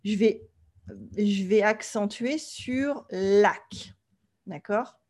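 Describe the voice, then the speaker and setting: A French woman leads an online language class. She explains things patiently and plainly, pausing to make sure her students are following along. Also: medium pitch, a little mellow. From France. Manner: clear, patient explaining, often checks with "d'accord?". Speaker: French teacher.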